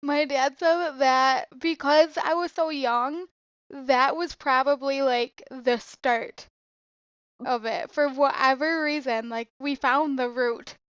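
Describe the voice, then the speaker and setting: A woman's voice: sits high, fairly even intonation, takes it slowly, fairly bright tone, no echo. Young woman, podcast co-host, chatty storyteller, dull dry recording. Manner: chatty storytelling, acts out family voices. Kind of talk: casual chat.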